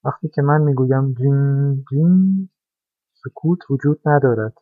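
A man's voice: medium pitch, no echo, close to an everyday voice. A jolly, teasing toy bicycle from a storybook, as a man plays him, breezy and sure of himself. It comes through dull and lo-fi in a dry, close recording. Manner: jolly, teasing, matter-of-fact. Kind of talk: storybook character voice.

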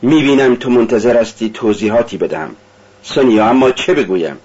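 A man's voice: mid-range voice, expressive, a little mellow, breathy edge, lo-fi sound. A man reading an audiobook, voicing a brooding, tormented young man in an intense, confessional tone. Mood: bitter.

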